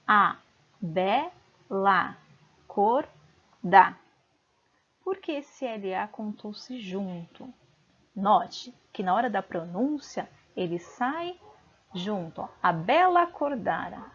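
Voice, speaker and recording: A woman's voice: on the high side, slightly rough, muffled recording. A woman teacher giving a home-recorded video lesson, patiently sounding out syllables one by one.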